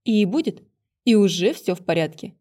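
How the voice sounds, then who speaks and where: A woman's voice: mid-range voice, very animated, fairly quick, mellow. Woman voicing a cooing, charming witch. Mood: cheerful. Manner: cooing, cheerful.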